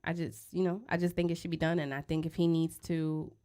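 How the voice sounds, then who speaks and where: A woman in her thirties with a fairly low voice talks into a studio mic. She is blunt and outspoken, jokes through her points and breaks into loud laughter. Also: flat delivery, brisk. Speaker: podcast co-host. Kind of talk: casual chat. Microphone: studio microphone.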